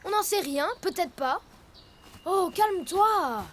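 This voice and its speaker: Easygoing young tiger cub by a woman, very high, slow and bouncy, music behind. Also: lively intonation, fairly bright tone, slight background noise, exaggerated voice. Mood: soothing. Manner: bouncy, playful. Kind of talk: French cartoon dubbing. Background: cartoon music.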